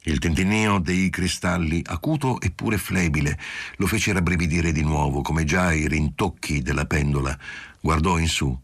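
A man giving steady, measured literary audiobook narration. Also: rumbling low, husky, dry recording.

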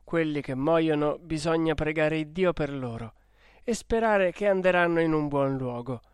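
A man reading an audiobook who voices a gentle, devout young woman, pleading in distress. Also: a little high, normal speed, clean tone, no echo, studio quality, close to an everyday voice. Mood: anguished pleading. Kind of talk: audiobook character voice.

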